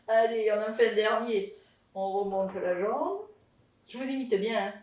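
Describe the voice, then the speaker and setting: A woman's voice: medium pitch, a little mellow, recorded from a distance. A woman teaching a pilates class at home, chatty and encouraging as she guides the moves. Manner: chatty and encouraging, tags lines with "hein". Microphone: camera in front of her. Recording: echoey room, voice from afar.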